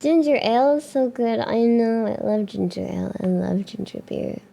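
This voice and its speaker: With a fairly high, creaky voice at a moderate pace, a young woman streamer chats casually to her viewers. She rambles, uses fillers, restarts her sentences, and breaks into bubbly excitement.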